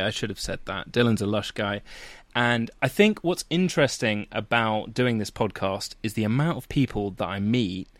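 A man's voice: medium pitch, a bit bright, no room sound. A man hosting a podcast, introducing his guest with upbeat enthusiasm. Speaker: podcast host. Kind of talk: podcast interview.

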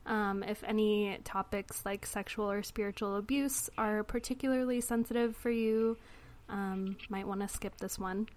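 Chatty, laughing woman podcast host. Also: fairly high pitch. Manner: chatty, laughs often, many fillers. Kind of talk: casual podcast chat.

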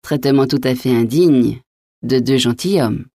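An unflappable innkeeper answers with cool, mocking insolence, voiced by a woman reading an audiobook. His tone is low and mellow, recorded close and dry. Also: measured pace, dry recording, exaggerated voice. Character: impertinent, phlegmatic male innkeeper, mocking.

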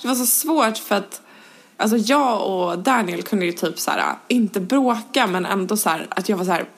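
Woman, middle pitch, frank and emphatic friend who swears freely. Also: expressive, gravelly. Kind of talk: casual chat.

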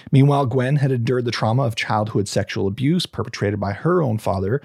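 Husky man telling a crime story. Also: medium pitch, a little fast, darkish tone, dry recording, clean studio sound. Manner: reads from notes, stumbles and restarts, adds casual asides. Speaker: podcast host telling a true crime case. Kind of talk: casual true crime storytelling.

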